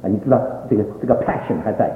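A man preaching a sermon and telling his own testimony, in an animated, emphatic storytelling manner that climbs into excited outbursts. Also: lowish voice, very fast, heavy background noise. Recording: tinny, echoey hall recording.

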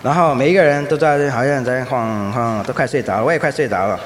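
A man preaching a sermon, telling lively anecdotes and acting out the voices of people in his stories. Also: medium pitch, fast talker. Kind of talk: sermon with storytelling. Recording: echoey hall, faint ambient noise.

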